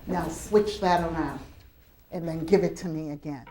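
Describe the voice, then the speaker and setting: A woman with a low voice and a somewhat dark tone speaks at a normal pace on a poor-quality recording. She is a TV show host leading students, talking to children emphatically like a teacher and drawing them out with questions. The show was taped live before an audience at a college venue.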